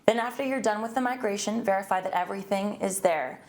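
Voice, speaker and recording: A woman's voice: medium pitch, quick pace, darkish tone. Woman reading audience questions aloud. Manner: light and playful, reads responses aloud. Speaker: co-host reading audience responses. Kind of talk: livestream hosting.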